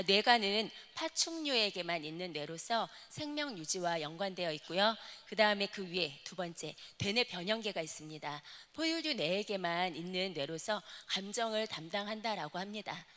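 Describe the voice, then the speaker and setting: A woman's voice: mid-range voice, fairly bright tone. A woman deacon giving an explanatory talk to a church audience, asking them questions as she goes. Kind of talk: lecture to a congregation. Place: church worship hall. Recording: long hall reverb.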